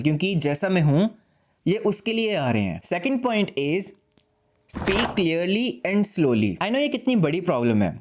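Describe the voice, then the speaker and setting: A man talking to camera in a casual advice vlog, speaking slowly and deliberately with pauses, mixing English phrases in and making self-deprecating jokes while seated indoors. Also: a little high, a little mellow. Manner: slow, composed, deliberate delivery with pauses; mixes English phrases into Hindi. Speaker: YouTuber.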